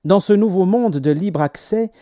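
A man reading stories aloud as an audiobook narrator, in a measured, expressive way. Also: sits high, no echo, studio quality. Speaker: audiobook reader. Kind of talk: scripted narration.

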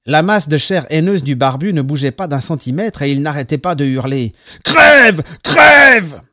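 A man reading a story aloud as narrator, calm between the voices. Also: a little high, brisk, no room sound, clean studio sound. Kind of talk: audiobook narration.

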